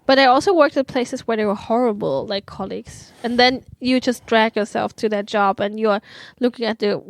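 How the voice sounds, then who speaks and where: A woman's voice: a little high, normal speed, gravelly. A woman co-hosting a podcast in casual chat, playful and teasing, laughing often. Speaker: podcast co-host.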